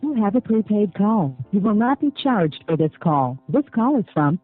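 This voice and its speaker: A woman's recorded voice reads the automated announcement of a prison phone call. Her delivery is formal, yet rises and falls in a lively way. It comes through a narrow, tinny phone line, dry and close, with faint music underneath. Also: mid-range voice, moderate pace, no echo. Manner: even, formal prompt reading.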